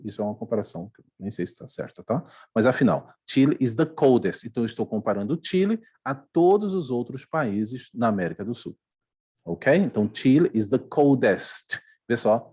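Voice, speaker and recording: Patient Brazilian teacher explaining grammar. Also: male voice, medium pitch, a little mellow, husky. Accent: Brazilian Portuguese. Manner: patient, repeats checks like "ok?" and "tá?", reads examples slowly. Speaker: English teacher. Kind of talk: grammar lesson explaining in Portuguese with English examples.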